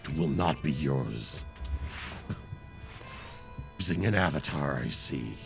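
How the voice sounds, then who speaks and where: A man voicing a stern ancient guardian with a magically amplified booming voice, speaking in slow, grave, commanding pronouncements. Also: lively intonation, vocal fry, over music, heavily acted.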